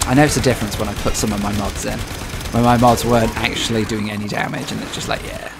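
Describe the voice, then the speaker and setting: A man's voice: lowish voice, level tone, quick pace, creaky, music in the background. A man streaming a game, chatting casually and reacting aloud to his teammates. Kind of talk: casual gameplay commentary.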